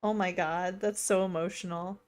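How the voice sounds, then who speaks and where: A woman streamer giving excitable, gushing let's-play commentary, full of "like" fillers. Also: on the low side, moderate pace. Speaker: gaming streamer.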